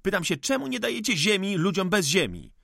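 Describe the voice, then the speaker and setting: A man's voice: sits high, very animated, brisk, creaky, pushed and bright, dry recording, voice pushed up, full character voice. A fiery, indignant young man, as a male reader puts him on in an audiobook, hurling accusations in a raised, strained voice. His delivery swings and climbs with passion, and the recording is dry and close. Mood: impassioned. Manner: impassioned, accusing outbursts.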